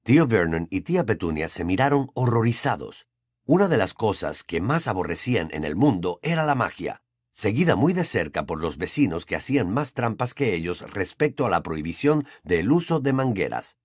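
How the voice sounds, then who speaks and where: A man narrating an audiobook in an expressive storytelling manner. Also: lowish voice, moderate pace, husky, dry recording, studio quality. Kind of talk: scripted narration.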